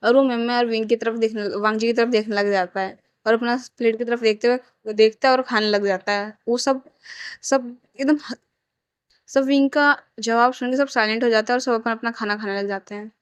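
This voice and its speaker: A woman narrates a romance fan story in an easy, chatty way, often stopping to restart a sentence. Her voice is smooth and clear and sits a little high. The sound is close and dry. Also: steady tone, a little fast, dry recording. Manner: plain conversational retelling with frequent restarts.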